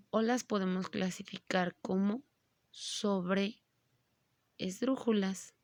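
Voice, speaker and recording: A woman teacher giving a grammar lesson, speaking slowly and patiently and stretching words out syllable by syllable. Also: mid-range voice, no room sound.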